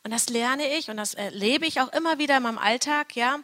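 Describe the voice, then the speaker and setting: A woman's voice: high-pitched, fairly quick, pushed and bright, in a large hall. A woman in her thirties gives an earnest, personal Bible teaching, often checking in with "ja?" as she talks.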